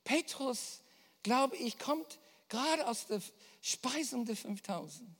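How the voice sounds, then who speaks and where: A woman delivers a sermon with a lively, swinging pitch and an unhurried pace. She is emphatic and keeps putting questions to her listeners. Her voice carries a long, hall-like reverb. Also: slightly rough. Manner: emphatic, builds to impassioned prayer. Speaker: preacher.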